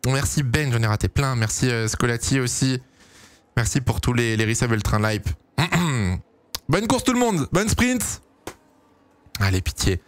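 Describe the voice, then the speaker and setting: A young man giving casual, excitable live commentary on a race for his stream, pleading and cheering as it unfolds. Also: mid-range voice, unhurried. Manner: excitable, pleading, swings to shouting at big moments.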